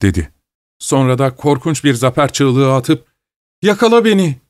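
A man voicing a sleepwalking young woman who cries out in shrill, taunting tones. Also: normal speed, smooth, dry recording, studio quality, close to an everyday voice.

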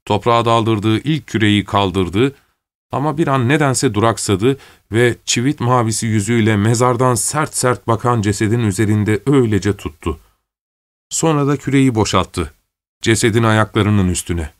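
Man narrating a story, low voice, steady, measured, dry close sound. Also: dry recording. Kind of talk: scripted story reading.

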